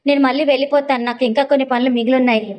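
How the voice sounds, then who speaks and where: Woman doing young male cousin, eager, earnest, scheming, fast talk. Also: high-pitched, fairly even intonation, a little mellow, close to an everyday voice, low-quality recording.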